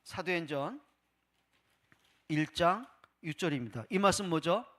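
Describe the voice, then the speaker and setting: A male pastor preaching a Sunday sermon, asking rhetorical questions and voicing people's doubts, swinging between loud and hushed. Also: on the high side, animated, unhurried. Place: church service.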